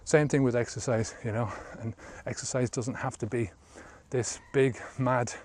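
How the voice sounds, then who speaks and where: A man's voice: medium pitch, steady tone, normal speed, darkish tone, a little hiss or hum. A man of about fifty, a sobriety coach, talking casually in a vlog while walking an outdoor trail, rambling with many fillers, filmed on a handheld camera at arm's length.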